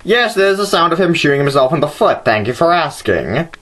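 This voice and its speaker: A man's voice: fairly high pitch, big pitch swings, brisk, fairly bright tone. A man hosting a scripted video commentary, arguing his points in an informal way. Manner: argumentative, informal. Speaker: host of a nitpicking response video.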